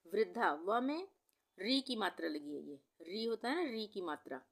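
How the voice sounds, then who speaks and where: Woman, Hindi teacher, slow careful delivery, repeats each word, spelling lesson. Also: mid-range voice, expressive.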